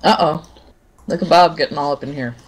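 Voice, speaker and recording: A game master running a live tabletop session in a relaxed, chatty way, talking while eating. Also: medium pitch, brisk. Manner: casual, talks while eating.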